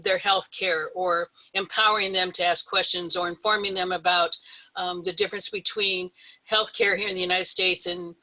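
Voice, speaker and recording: A woman speaking unscripted as a webinar panelist, measured and hesitant, drawing out some words. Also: lowish voice, sharp tone, rough recording. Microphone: video call.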